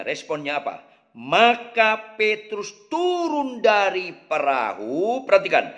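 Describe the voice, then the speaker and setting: A man preaching a sermon as pastor, stressing and repeating key phrases with drawn-out emphasis. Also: a little high, a bit bright, lo-fi sound.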